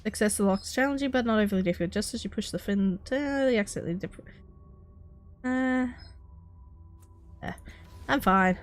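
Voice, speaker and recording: A woman hosts a let's play, reading a game's narration aloud and reacting as she goes. Her talk is chatty and mid-pitched. A soft music bed runs quietly behind her. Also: normal speed, long pauses. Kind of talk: reading game text aloud and commenting.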